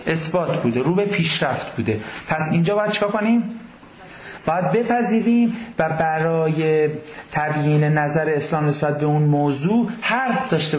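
Lively man lecturing in an echoey room. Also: on the high side, muffled recording. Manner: lively, questioning the class. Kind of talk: university lecture on religion.

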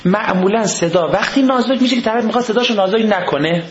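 A man with a high voice delivers a humorous religious lecture, joking and mimicking people as he goes. His pitch jumps up and down. The recording is echoey and a little muffled, with a dull lo-fi sound. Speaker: cleric lecturer.

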